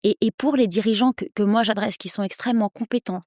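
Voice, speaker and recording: A woman in her thirties, an English coach, speaking persuasively as a podcast guest, with energetic quick bursts. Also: mid-range voice, no room sound, studio quality. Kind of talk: podcast interview.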